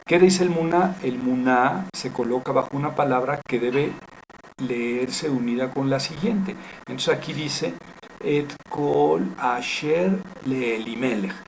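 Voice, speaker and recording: A man teaching Biblical Hebrew in a recorded lecture, explaining deliberately with frequent fillers and self-corrections. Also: medium pitch, darkish tone, a little hiss or hum, low-quality recording.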